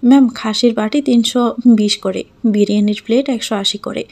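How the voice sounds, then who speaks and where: A woman voicing a polite male restaurant waiter who speaks quietly and matter-of-factly. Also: a little high, moderate pace.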